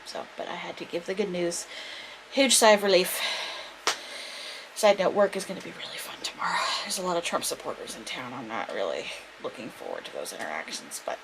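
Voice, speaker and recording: A woman chatting casually in a home vlog, rambling with many fillers, her throat a little dry and scratchy, recorded on a small camera's built-in mic. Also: lowish voice. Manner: rambling, filler-heavy talk. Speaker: vlogger. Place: at home indoors. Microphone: compact vlogging camera's built-in mic.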